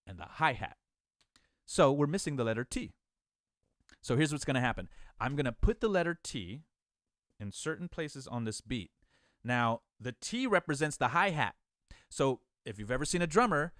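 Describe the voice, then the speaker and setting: A man's voice: medium pitch, dry recording, clean studio sound. A man teaching an online beatbox class, encouraging his students, counting them in and demonstrating the sounds.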